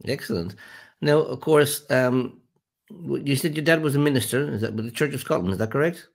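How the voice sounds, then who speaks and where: An older man interviewing a guest over a video call, asking measured, friendly questions with a few fillers. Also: medium pitch, vocal fry. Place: indoor room at home.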